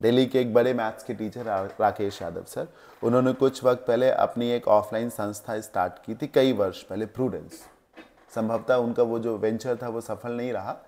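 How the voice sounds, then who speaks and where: A man's voice: mid-range voice, steady tone, normal speed, a little mellow. A male teacher explaining English word meanings in a classroom lesson, checking in with the class as he goes. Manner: explains word meanings with Hindi glosses, asks checking questions.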